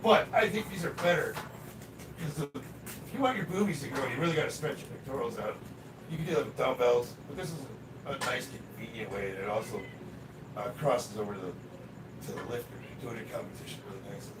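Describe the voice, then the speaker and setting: A man with a raspy, smoker-like voice chatting casually and bluntly on a livestream about his workout, swearing and bantering with commenters. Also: medium pitch, fast. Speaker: livestreamer lifting weights. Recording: distant mic with loud background noise.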